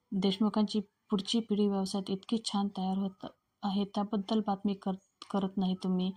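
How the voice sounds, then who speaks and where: A woman reading the part of a composed young wife who answers reporters with firm sarcasm, in her own flat voice. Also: mid-range voice, natural voice.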